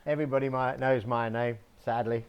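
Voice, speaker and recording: Outdoors in a home garden, a medium-pitched man from England teaches young children English at a slow pace, spelling each word letter by letter. His tone is steady and clean, though the audio sounds dull.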